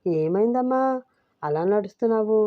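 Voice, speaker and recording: A kind mother-in-law of middle age, soft and reassuring, voiced by a woman narrator. The sound is close and muffled. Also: mid-range voice, animated, normal speed, no room sound, pitched above the performer's own voice, natural voice. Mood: worried. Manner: gentle, reassuring.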